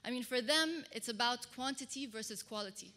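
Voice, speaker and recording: Brisk, bright and forceful, with a pitch on the high side, the speaker is a Kuwaiti woman who is a fashion designer and public speaker. She tells a personal story to a conference audience in a large hall. The recording captures an amplified stage talk with heavy reverberation.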